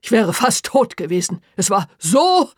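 A woman's voice: mid-range voice, sing-song, measured pace, slightly rough, dry recording. Woman narrator voicing a rattled, self-pitying middle-aged man; dramatic, complaining, close dry read. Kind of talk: audiobook character voice.

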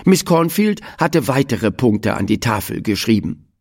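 A storybook narrator reads at an easy, unhurried pace, the intonation rising and falling broadly across every sentence. The reading is scripted and expressive, made for young listeners. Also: medium pitch. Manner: expressive reading, switching into many children's voices. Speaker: audiobook narrator.

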